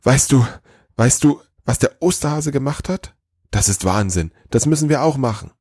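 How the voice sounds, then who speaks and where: A man doing a breathless, excited head elf. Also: on the low side, slightly rough, no echo, clean studio sound, pitched above the performer's own voice. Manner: rushed, gushing, talks without pausing. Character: excited, breathless male head elf, eager know-it-all.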